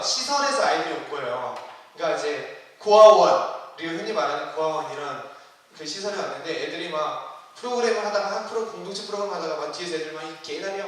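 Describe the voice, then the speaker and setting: A youth ministry preacher gives a sermon in a church sanctuary, speaking conversationally and asking the congregation questions. His voice is high for a man and a bit bright. The recording is heavily echoey with a long hall reverb, and he stands well away from the microphone.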